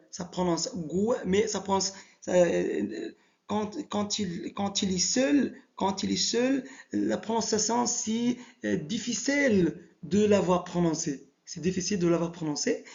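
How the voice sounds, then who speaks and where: A man giving a slow, hesitant lecture with many pauses and repeated words. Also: high-pitched, creaky, a little mellow. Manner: halting, many "euh" pauses and repetitions. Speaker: teacher. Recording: dull lo-fi sound.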